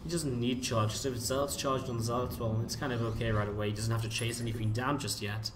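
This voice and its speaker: A man's voice: mid-range voice, steady tone, quick pace, distant mic, noisy background. A man doing live play-by-play commentary on a video game, informal and chatty, thinking aloud as he goes. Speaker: esports commentator. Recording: music behind the voice. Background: music.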